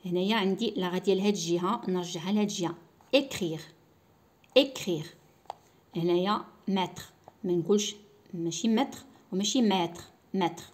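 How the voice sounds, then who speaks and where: A woman teacher with a Moroccan Arabic accent gives a school lesson. She talks slowly and repeats words to model how they are said. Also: on the low side, fairly even intonation, a little mellow.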